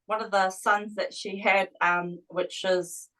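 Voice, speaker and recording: Bright-voiced Māori New Zealand woman. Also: medium pitch, level tone, slow pace, low-quality recording. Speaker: participant explaining family lineage. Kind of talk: casual bilingual explanation.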